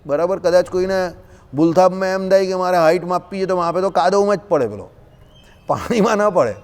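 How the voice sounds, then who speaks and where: A man's voice: high-pitched, brisk, a little mellow. A man giving a religious scripture discourse in a conversational way, mixing in folksy anecdotes and checking in with his listeners often. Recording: long hall reverb.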